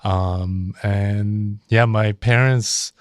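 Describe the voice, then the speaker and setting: A man's voice: on the low side, steady tone, extremely slow, clean tone, no room sound, clean studio sound. A modest, slightly hesitant man from South Korea, a dentist guest chatting in an interview. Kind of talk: casual interview chat.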